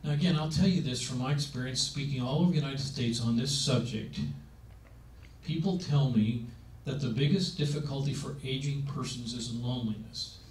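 At normal speed and with a slightly mellow mid-range tone, the seventy-year-old delivers his sermon-style talk on aging, emphatic and conversational, tossing rhetorical questions to listeners. The handheld mic catches him from a distance in the meeting room, with roomy sound and faint noise.

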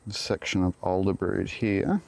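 Low, gravelly and darkish, this man's voice is animated at a normal speed. He's a middle-aged Australian beekeeper working in an outdoor garden, chatting casually to a camera on a tripod and muttering self-deprecating asides.

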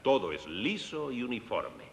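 A man's voice: huge pitch swings, moderate pace, creaky, full character voice. A man with a Castilian Spanish accent dubbing a lecture on music for young listeners, explaining in a teaching manner and speaking to them directly. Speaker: presenter of a children's concert lecture. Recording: echoey hall with long reverb and faint rumble.

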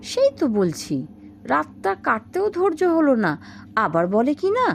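A woman voicing a short-tempered young village man in a spoken ghost story, complaining loudly and irritably. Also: high-pitched, wildly swooping pitch, a little slow, vocal fry, a little hiss or hum, voice pushed up, heavily acted. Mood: irritated.

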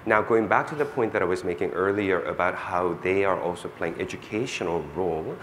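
A man speaking on a panel before an audience, measured and explanatory. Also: sits low, a little hiss or hum. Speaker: museum chief curator on a panel. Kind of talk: panel discussion.

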